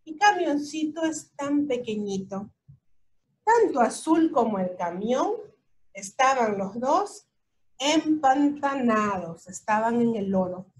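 Slow, high-voiced woman reading a storybook. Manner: slow and expressive, talking to a child. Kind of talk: children's storybook read-aloud.

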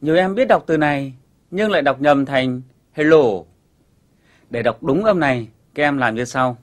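Patient male teacher for a kids' TV English lesson, steady mid-pitched voice, clear step-by-step delivery. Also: brisk.

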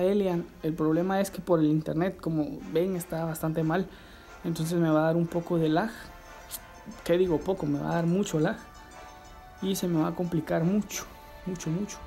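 Excitable man streaming a game over music. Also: high-pitched. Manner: excitable, reads viewer chat aloud, shouts at the game. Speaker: livestreaming gamer host. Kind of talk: live-stream gameplay chat.

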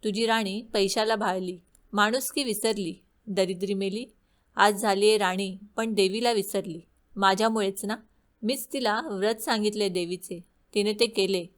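Storybook: bitter old beggar woman, scolding, slightly loud, read by a woman narrator. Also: mid-range voice, steady tone, moderate pace, lightly acted. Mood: indignant. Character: angry poor old beggar woman, a goddess in disguise.

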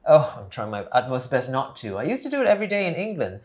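A man's voice: mid-range voice, huge pitch swings, fast, a little mellow. A man playing a polite, hesitant tutor from England in a comedy series, with formal, careful phrasing. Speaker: English tutor. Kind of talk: scripted comedy series dialogue.

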